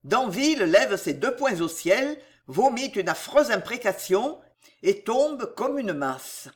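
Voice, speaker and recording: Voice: medium pitch, sing-song, slightly rough. A reader narrating a historical novel in a dramatic, storytelling manner. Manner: slow, theatrical storytelling. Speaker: audiobook narrator.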